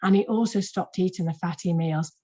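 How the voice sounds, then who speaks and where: A woman, a clinician, giving a lively and emphatic webinar lecture to health professionals in a conversational way, repeating words for stress. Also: on the low side, a little fast, a little hiss or hum. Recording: muffled lo-fi webinar audio.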